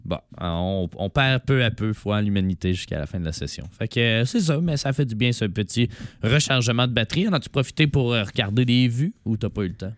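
A man with a Quebec French accent and a hoarse, raspy smoker's voice from laryngitis, co-hosting an informal, hesitant cinema chat. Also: medium pitch, animated, a little fast, dry recording. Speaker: radio show co-host. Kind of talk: casual chat about cinema.

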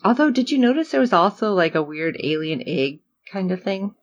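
A woman's voice: medium pitch, very animated, brisk, dull audio. A woman co-hosting a podcast, recapping a TV episode in casual chat and acting out her own reactions. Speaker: podcast co-host.

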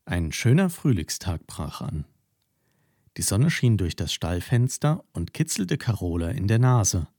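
Male storybook narrator, expressive and slow, low warm tone. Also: husky, no room sound, clean studio sound.

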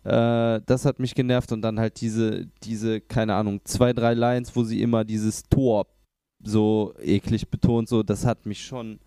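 A man chats casually about a rap song, using loose youth slang, hesitating and frequently restarting his sentences. His voice is lowish, level, mellow, clear and resonant, and he talks at a measured pace with hardly any pauses. It's a studio-quality recording with no room sound.

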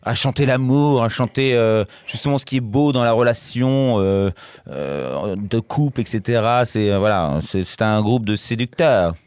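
A man co-hosting a radio show in casual chat, joking and reacting quickly. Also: mid-range voice, darkish tone, smooth, dry recording. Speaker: radio co-host.

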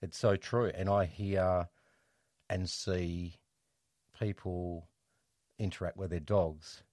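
Deep-voiced man telling a personal story. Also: fairly even intonation, a little mellow, no room sound, clean studio sound. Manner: reflective, halting, with frequent restarts. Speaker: interview guest.

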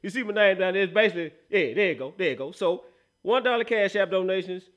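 A man's voice: sits high, animated, fast talker, a bit bright. A man hosting a casual sports talk show, using slangy hype talk as he runs through promos.

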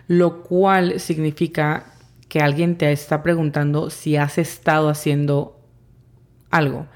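Woman, English teacher, low voice, unhurried, repeats phrases. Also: a little mellow. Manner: spells out sounds letter by letter, repeats phrases slowly. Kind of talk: slow, careful language lesson.

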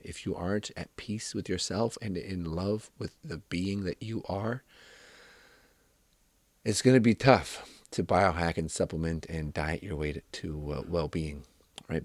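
Deep-voiced man, gentle wellness talk. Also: dry recording. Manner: gentle, affirming, frequent "right?" tags. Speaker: wellness coach. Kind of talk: reflective monologue.

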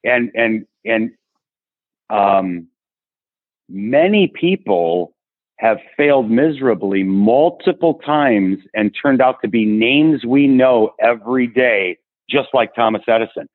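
Male guest, mid pitch, encouraging and preachy; dry, phone-quality audio. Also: expressive, slow pace, no room sound. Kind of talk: podcast conversation. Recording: tinny phone-line audio.

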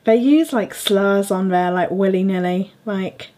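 A woman's voice: medium pitch, a little slow, warm tone. A young adult woman hosting a podcast, chatting casually with plenty of fillers and frequent laughter. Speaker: podcast host.

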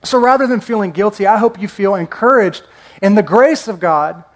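A man's voice: high-pitched, moderate pace. A male pastor preaching a conversational sermon, joking and asking the congregation questions.

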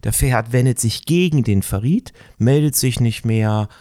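A middle-aged man talking reflectively in a conversation, searching for words and often pausing with fillers. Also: mid-range voice, warm tone, no room sound, clean studio sound. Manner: thoughtful, searching, with many fillers.

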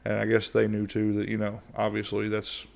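He's a middle-aged American running an easygoing solo podcast, speaking in a flat monotone that rambles with lots of fillers and restarts. His pitch is fairly low, his voice creaky, and he talks fairly quickly.

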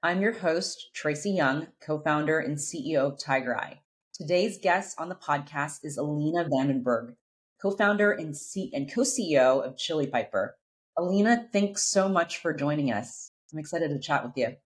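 A woman hosting a business podcast, upbeat and curious, asking her guest questions in quick runs. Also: low-pitched, expressive. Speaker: podcast host. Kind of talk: podcast interview.

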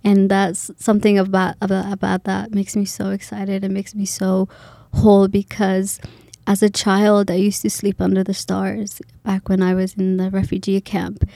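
Soft-spoken woman with a gravelly voice. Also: mid-range voice, completely flat delivery, normal speed, no room sound. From Kenya. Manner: hesitant, many fillers and restarts. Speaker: guest, graduate student. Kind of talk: casual interview.

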